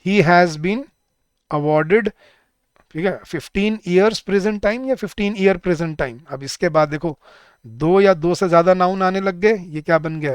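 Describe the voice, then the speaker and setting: A man's voice: on the high side, smooth, dry recording, studio quality. A man with an Indian accent teaching English grammar in an online exam-prep lecture. He mixes Hindi with English example sentences and keeps asking the class questions that he then answers himself.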